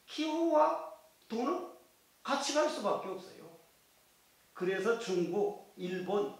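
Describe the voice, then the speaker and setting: A man's voice: very high voice, very echoey. An older Korean Buddhist monk giving a dharma lecture to fellow monks, earthy and blunt, slipping into jokes and acted voices as he teaches. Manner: earthy, joking storytelling with dialect voices. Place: temple lecture hall.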